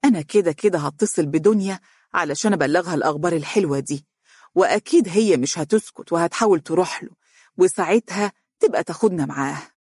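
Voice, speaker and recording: A woman's voice: on the low side, quick pace, a little mellow, husky, no room sound, studio quality. A narrator voicing a worried Egyptian mother.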